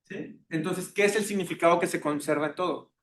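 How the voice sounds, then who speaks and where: A man giving a classroom lecture, engaging the class and checking in with tag questions. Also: brisk. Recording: echoey classroom with faint rumble.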